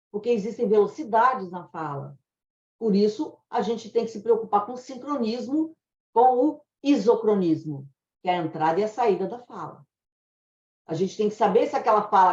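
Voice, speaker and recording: A woman's voice: mid-range voice, a little mellow. A Brazilian woman teaching dubbing translation in a chatty, explanatory way. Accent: Brazilian Portuguese. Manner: chatty, explanatory, laughs at own anecdotes. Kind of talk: informal online lesson. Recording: roomy, dull lo-fi sound.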